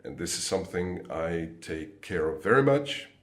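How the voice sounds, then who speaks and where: A middle-aged man from Croatia, a comic artist speaking casually to camera from his studio, with halting speech and many fillers. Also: low-pitched, very animated, roomy sound. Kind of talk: casual video message. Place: home studio.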